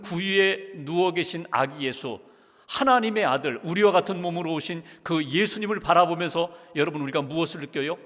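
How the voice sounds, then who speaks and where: A man's voice: a little high, a bit bright. Man preaching in an echoing church. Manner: emphatic storytelling preacher. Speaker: pastor. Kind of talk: sermon. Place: church sanctuary. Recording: long church reverb.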